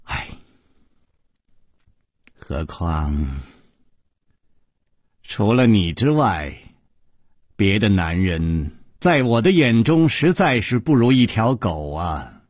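A man's voice: very animated, darkish tone, no echo, studio quality, full character voice. A man voicing a cold, menacing sect mistress. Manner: low, slow, menacing delivery. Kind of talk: traditional storytelling broadcast.

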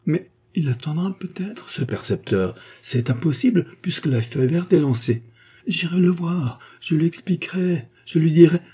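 A man's voice: a little high, expressive, moderate pace, hardly any pauses, warm tone, slightly rough, voice pushed up. A man voicing a carefree young woman who pleads and whines tearfully in a story reading. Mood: pleading.

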